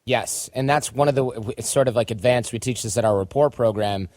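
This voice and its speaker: A man's voice: mid-range voice, brisk, a little mellow, no echo, studio quality. A man hosting a podcast interview, asking questions in a casual, chatty way with joking asides. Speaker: podcast host.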